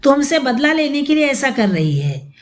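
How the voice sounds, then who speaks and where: A woman voicing a bitter young mother who shouts hateful accusations at her stepmother. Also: high-pitched, sing-song, moderate pace. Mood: furious.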